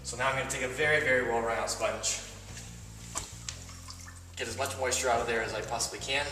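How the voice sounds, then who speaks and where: A man demonstrating wall repair techniques step by step, explaining in a relaxed way with frequent fillers. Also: mid-range voice, a little fast. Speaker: plaster instructor. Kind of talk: instructional demonstration. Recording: roomy echo, voice from a distance, faint music.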